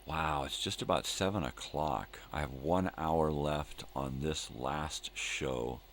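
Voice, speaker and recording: A man's voice: extremely low pitch, slow pace, fairly bright tone, a little hiss or hum. An older man hosting a live morning show with casual, rambling chat in laid-back hippie slang, drifting along and repeating himself.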